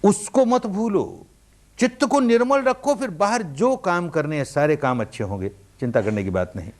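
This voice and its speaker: A man giving a spoken meditation discourse in an earnest preaching manner, with rhetorical questions and swings between loud emphasis and quiet softness. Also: high voice, expressive, moderate pace. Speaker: meditation teacher. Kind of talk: dharma discourse.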